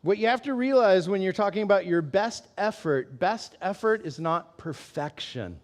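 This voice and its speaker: High-voiced man preaching casually. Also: animated, moderate pace. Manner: candid and self-deprecating, laughs often, asks the room questions. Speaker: pastor. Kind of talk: conversational sermon.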